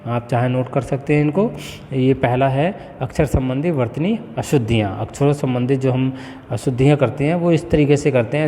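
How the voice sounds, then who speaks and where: A man teaches in a slow, deliberate way, spelling words out one by one and tagging points with a quick "okay." His voice sits at an ordinary middle pitch. A long reverb trails after each phrase. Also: mellow, slight background noise. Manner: slow, deliberate word-by-word explanation with frequent "ठीक है". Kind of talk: spoken lesson.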